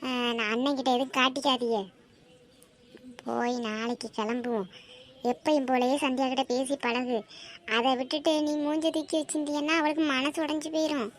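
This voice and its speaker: A woman's voice: high voice, steady tone, brisk, slight background noise, lightly acted. A woman voicing a middle-aged neighbor in a cartoon drama, giving matter-of-fact reassurance. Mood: reassuring.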